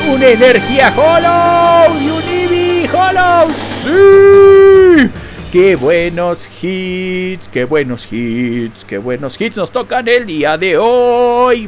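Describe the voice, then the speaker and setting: A man with a strikingly high voice runs through card pulls in an excited unboxing commentary. He repeats his lines and gets carried away by his own enthusiasm. Faint music plays quietly in the background. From Mexico. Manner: excitable, exclaims and laughs at rare pulls, repeats phrases. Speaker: card-opening channel host.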